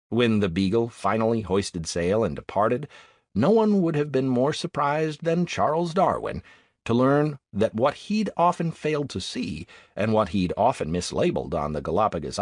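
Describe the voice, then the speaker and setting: Guy reading a nonfiction audiobook, husky, very lively pitch, takes his time. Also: no echo, clean studio sound. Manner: measured and expressive, leaning on key words. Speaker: audiobook narrator. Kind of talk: audiobook narration of nonfiction travel writing.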